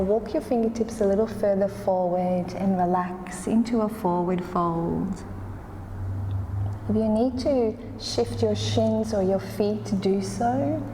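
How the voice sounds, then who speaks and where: A woman leads a yoga class with a soft-edged, mellow tone. She is calm and soothing, taking her time between instructions. The recording is echoey, with long reverb and faint noise behind her. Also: mid-range voice, unhurried.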